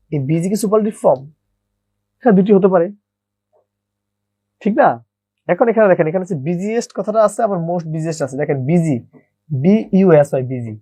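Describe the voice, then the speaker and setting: A man's voice: high voice, dark tone, no echo. Man teaching grammar, dry close mic. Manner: repeats questions and answers them himself, calls listeners brother. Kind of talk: online grammar lesson.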